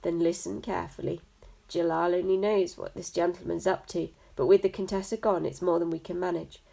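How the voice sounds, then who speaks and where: Lady doing a wise old grandpa cat, quiet and serious, lowish. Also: steady tone, fairly quick, vocal fry, low-quality recording. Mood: grave.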